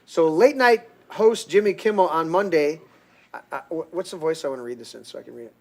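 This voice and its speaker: Middle-aged male podcast host, heated and crude, slightly high voice, casual rant. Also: fairly quick, vocal fry. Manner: heated, crude, restarts often.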